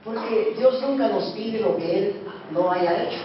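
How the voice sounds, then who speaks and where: A high-voiced man preaches a sermon, pressing his points loudly and then sinking to hushed tones. The recording comes from a distance in a very echoey church hall. The sound is dull and carries a steady hiss of noise. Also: a little slow. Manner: emphatic preaching, swings from loud to hushed. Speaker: pastor.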